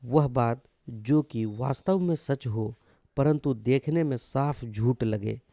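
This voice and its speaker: A man with a gravelly, very dark voice teaches English vocabulary, spelling words out letter by letter and repeating meanings several times. He is recorded in a dry, close setting with no room sound. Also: mid-range voice, slow, no room sound. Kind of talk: vocabulary lesson.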